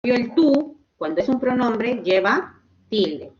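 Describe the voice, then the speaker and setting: Slow woman teaching online. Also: fairly high pitch, expressive, a little mellow, lo-fi sound. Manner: slow, explanatory, checks in with "¿ok?". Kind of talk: online class lecture.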